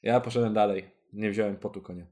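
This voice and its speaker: A man's voice: lowish voice, steady tone, quick pace, a little mellow. A man co-hosting a casual comedy chat, joking as he reads news items aloud. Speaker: podcast co-host reading news items.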